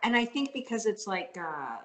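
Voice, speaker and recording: A woman's voice: mid-range voice, very animated, normal speed, roomy sound. A young woman with a Canadian accent, chatting casually as an interview guest, full of likes and ums. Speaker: guest athlete.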